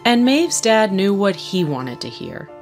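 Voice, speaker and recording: Lively woman narrating a report. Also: medium pitch, a little slow, soft background music. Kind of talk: scripted narration.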